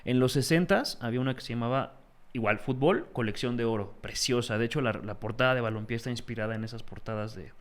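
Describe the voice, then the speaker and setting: A young man with a Mexican accent, a guest in a casual interview, telling stories in an animated, slangy way. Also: medium pitch, fast talker. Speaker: guest, magazine founder.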